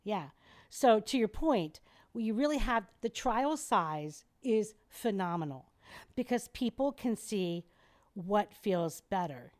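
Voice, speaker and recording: A middle-aged woman appears as a guest airway specialist on a podcast, explaining and demonstrating with lively, teacherly energy. Her voice sits in the mid range, and she speaks slowly.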